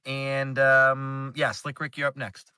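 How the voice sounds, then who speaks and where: A man's voice: mid-range voice, monotone, takes it slowly, pushed and bright, smooth, no room sound. Casting note: laid-back but firm moderator guy, dry close sound. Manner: casual, firm, organizing. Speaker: host, moderator. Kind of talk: moderating a live audio room.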